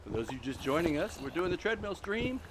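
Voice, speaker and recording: A man's voice: a little high, sing-song, quick pace, background noise. A middle-aged man hosting a live gameplay stream, out of breath from walking on a treadmill and chatting in a rambling way while talking to the game's creatures. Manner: chatty, rambling, talks to game mobs. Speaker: host.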